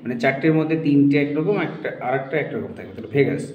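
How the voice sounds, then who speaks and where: A man's voice: mid-range voice, animated, fast, narrow, tinny audio, a little hiss or hum. A male tutor solving a science test paper for students, explaining each answer step by step and often checking that they follow. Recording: echoey room.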